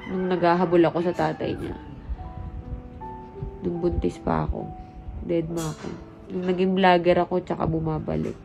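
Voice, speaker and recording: A woman's voice: fairly low pitch, lively intonation, normal speed, vocal fry, pauses often, music in the background, low-quality recording. A woman with a Filipino accent vlogging casually, chatty and talking straight to her viewers, sounding stuffy from the flu. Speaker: vlogger and mother. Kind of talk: casual vlog chat.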